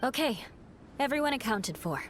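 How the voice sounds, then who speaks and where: A woman's voice: on the high side, expressive, moderate pace, a bit bright, slight background noise. A woman voicing a composed female adventurer who takes charge of the group in a video game. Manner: composed and commanding. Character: calm, level-headed female adventurer who leads the group. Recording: game cutscene with music score. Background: game music.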